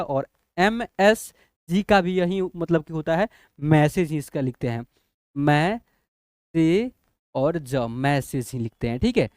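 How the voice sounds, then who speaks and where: A man's voice: high voice, clear, resonant tone, no echo, clean studio sound. A man teaching a lesson, patiently spelling out letters one by one and asking the students whether they follow. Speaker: English teacher. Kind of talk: classroom lesson explaining spelling.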